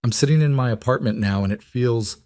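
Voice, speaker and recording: A man's voice: medium pitch, a little fast, a little mellow, no echo, clean studio sound, natural voice. A man voicing a guarded woman CEO, earnest. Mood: tender.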